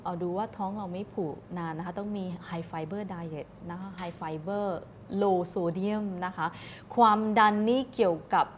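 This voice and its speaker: A woman's voice: lowish voice, fairly even intonation, slow, few pauses, a little hiss or hum. A woman guest on a TV talk show, explaining health advice politely and patiently, mixing English terms into her speech. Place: TV studio.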